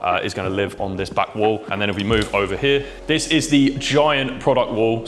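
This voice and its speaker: A man giving a casual, informal video tour to camera indoors, explaining things in loose, filler-laced phrases. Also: lowish voice. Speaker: vlogger and shop owner. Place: indoors in a shop being fitted out.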